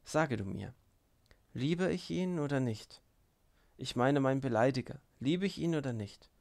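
A man reading the lines of a passionate, volatile young woman in a German audiobook, his gravelly voice barely changed. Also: mid-range voice, lively intonation, unhurried, a little mellow.

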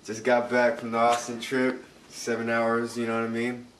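A man's voice: medium pitch, completely flat delivery, moderate pace, slight background noise. A man in his twenties from Texas with a New York accent, chatting casually in hyped street slang as he promotes merchandise in a vlog. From Texas, USA. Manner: hyped street slang, fond of 'man' and 'you know'. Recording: loud music over handheld camera sound.

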